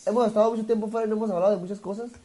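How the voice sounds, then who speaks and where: A man's voice: sits high, racing. A man co-hosting a sports talk show, teasing and full of slang. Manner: animated, teasing, lots of slang. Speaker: co-host.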